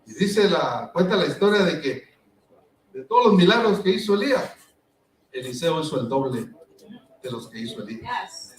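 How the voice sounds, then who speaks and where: Predicador de voz aguda en iglesia con eco. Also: male voice, a little high, very animated, normal speed, pauses often. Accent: Latin American Spanish. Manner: dramatic preaching, acting out the scripture. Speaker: pastor. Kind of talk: sermon. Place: church hall. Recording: echoey church from a distance.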